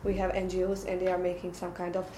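A woman's voice: lowish voice, completely flat delivery, fast, background noise. A young woman from Bosnia and Herzegovina, an exchange student, answering interview questions thoughtfully with many fillers. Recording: roomy echoey room.

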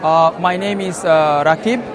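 High-pitched guy from bangladesh, lots of uhs, busy crowd behind him. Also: steady tone, a little slow. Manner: hesitant, many filler sounds. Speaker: interviewee, master's student. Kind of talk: casual interview answers.

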